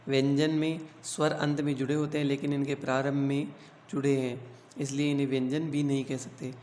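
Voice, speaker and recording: A man teaching a grammar lesson to schoolchildren. He explains slowly, asks the class questions and then answers them himself. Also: a little high. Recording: echoey room with faint hum.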